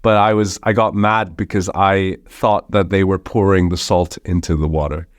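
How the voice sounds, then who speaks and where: A young man from Hong Kong, a startup founder appearing as a podcast guest, speaks with a deep, steady voice at a normal pace. His slight American accent comes from an international school, and he talks conversationally with frequent restarts and fillers. The recording is dry and clean, with studio quality.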